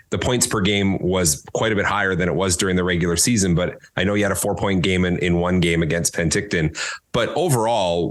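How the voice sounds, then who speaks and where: A man hosting a podcast interview, asking questions in an upbeat, lively way. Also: deep voice. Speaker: podcast host.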